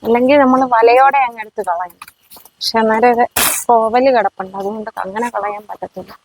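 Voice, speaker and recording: A woman's voice: a little high, brisk, background noise. Chatty woman gardening outdoors. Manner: chatty, addresses viewers as friends. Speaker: vlogger. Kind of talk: casual chat while gardening. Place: outdoors in a home yard.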